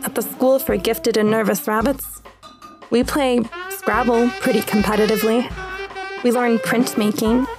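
Woman spoken-word storyteller, unhurried, gravelly, light music behind. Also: a little high, steady tone.

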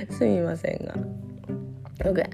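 A Japanese woman giving a relaxed English lesson while getting over a cough, with a hoarse voice and lots of fillers. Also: on the low side, takes it slowly. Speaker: English teacher. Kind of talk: casual spoken lesson. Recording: guitar music playing behind.

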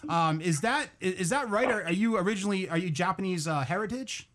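A man's voice: high voice, brisk, noisy background. A male podcast host chatting with a guest, stammering and giggling as he rambles. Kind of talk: casual podcast chat.

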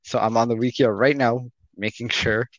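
A man co-hosting a casual podcast about a video game, chatting in an excitable fan way. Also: mid-range voice, normal speed, dry recording, highs cut off. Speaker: podcast co-host.

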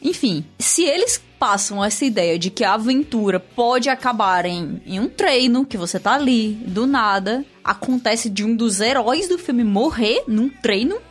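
High-voiced Brazilian woman in animated film chat. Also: moderate pace, husky, soft background music. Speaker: podcast panelist. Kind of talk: casual film discussion.

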